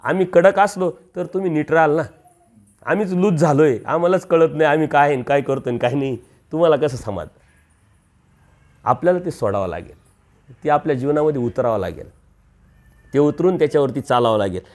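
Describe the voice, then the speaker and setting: A man's voice: fairly high pitch, brisk, pauses often, a little mellow. A man preaching a storytelling sermon, acting out the voices of a village parable and rising for emphasis.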